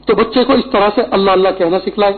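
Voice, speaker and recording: A man's voice: sits high, steady tone. A middle-aged man preaching a Friday sermon, earnest and instructive, with Arabic quotations. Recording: tinny phone-like lo-fi recording.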